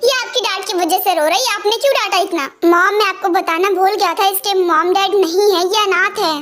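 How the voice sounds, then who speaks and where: एक महिला द्वारा बोला गया नरम स्वर वाला युवा प्रेमी. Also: female voice, very high-pitched, fairly quick, fairly bright tone. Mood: pleading. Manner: soothing, pleading. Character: caring young man, protective boyfriend. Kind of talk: amateur fan dub.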